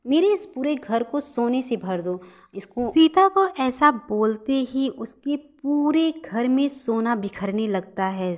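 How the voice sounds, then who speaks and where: A woman narrating a storybook cartoon with an expressive, lively reading. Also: a little high.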